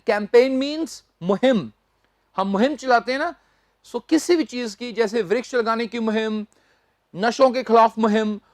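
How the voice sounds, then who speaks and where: A woman teaching English newspaper vocabulary, speaking deliberately and spelling words out letter by letter. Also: on the high side, dry recording, clean studio sound.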